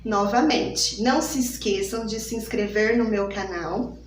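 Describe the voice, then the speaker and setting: A woman teacher, giving a phonics lesson for small children and drawing each word out slowly in an exaggerated sing-song way. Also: mid-range voice, distant mic, slight background noise. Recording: echoey room, voice from off the mic.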